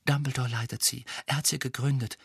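A man's voice: mid-range voice, steady tone, brisk, gravelly, a bit bright, husky, dry recording, clean studio sound, exaggerated voice. A man voicing an anxious teenage girl witch in a storybook reading, hasty and apologetic.

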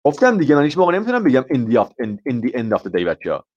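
A man runs a live online English lesson. He explains patiently and walks through everyday examples, slipping English phrases into his talk. His voice sits at an ordinary middle pitch, and the stream audio is dull and lo-fi. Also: wildly swooping pitch, darkish tone. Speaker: IELTS teacher.

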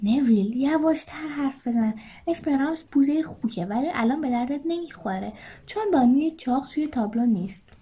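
A woman voicing a brave young schoolboy giving urgent, hushed orders in a read-aloud story. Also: high-pitched, animated, slightly rough.

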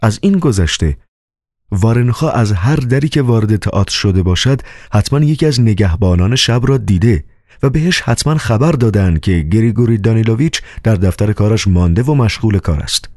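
Deep-voiced man narrating an audiobook. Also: no room sound, clean studio sound. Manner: calm, measured storytelling. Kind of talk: scripted narration.

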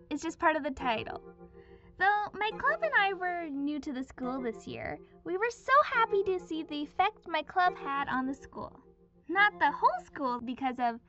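A woman's voice: extremely high pitch, exaggerated voice. A woman playing a smug, inhuman female cult leader giving a mock-sweet valedictorian speech, heard as if played from a cassette tape. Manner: chirpy, mock-sweet, sarcastic asides. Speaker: stand-in valedictorian. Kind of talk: fan audio drama acting. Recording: dull lo-fi tape with faint music.

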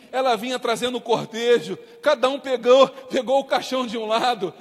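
A man preaches a fervent sermon in a very high voice. He swings between shouts and hushed passages. Long reverb trails behind him, as in a large hall. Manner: impassioned, shouting and dropping to soft tones. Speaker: pastor. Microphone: streamed to viewers at home.

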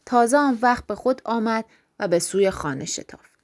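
A woman reading a story aloud in steady, measured narration. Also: on the high side. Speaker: audiobook reader. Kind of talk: scripted narration.

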